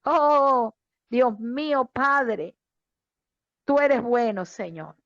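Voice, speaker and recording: A woman pastor delivers a fervent sermon, talking directly to her congregation. Her voice sits high and her delivery is slow and deliberate. The recording is dry and a little muffled. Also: lively intonation, dry recording. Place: online church service.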